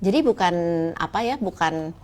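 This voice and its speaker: A woman teaching English in a live-stream lesson, explaining patiently and reading English example sentences slowly. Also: medium pitch, animated, darkish tone.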